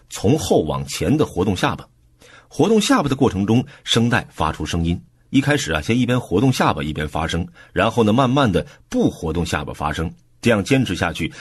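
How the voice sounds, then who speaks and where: A man narrating a book summary for an audiobook in a relaxed, explanatory way, with soft filler particles. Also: fairly low pitch, husky.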